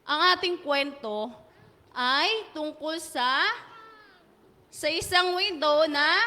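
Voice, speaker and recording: A woman telling a Bible story to children at church, asking them questions, calling on them by name, and drawing out key words slowly. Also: high voice, pushed and bright. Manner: slow and drawn out at key words. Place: church hall. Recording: long reverb of a church hall.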